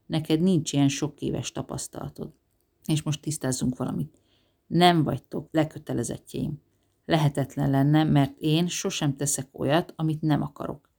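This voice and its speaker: A reader voicing a gruff, sardonic older man who lectures with dry sarcasm in an audiobook. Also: mid-range voice, steady tone, dark tone. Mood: lecturing.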